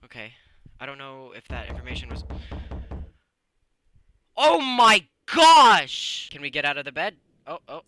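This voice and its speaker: A man's voice: medium pitch, sharp tone. A young man giving casual, jumpy, slangy commentary while playing a horror game. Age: young adult. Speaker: gaming video host. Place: small room indoors.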